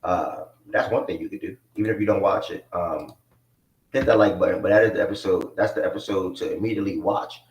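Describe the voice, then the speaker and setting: A man in his twenties hosts a live sports talk show, rambling in a laid-back way with lots of fillers. His voice is low with a steady tone and a fairly quick pace. The mic isn't connected, so he's picked up from a distance in an echoey room.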